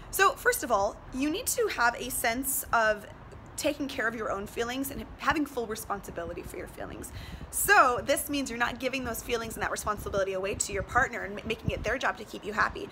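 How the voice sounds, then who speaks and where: A woman's voice: a little high, sharp tone. A woman giving earnest, emphatic relationship advice straight to her viewers, filming herself selfie-style on a boat. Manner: earnest, emphatic, asking rhetorical questions. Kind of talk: direct-to-viewer motivational vlog talk. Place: outdoors on a boat. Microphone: handheld selfie camera at arm's length. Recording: noisy outdoor selfie recording on a boat.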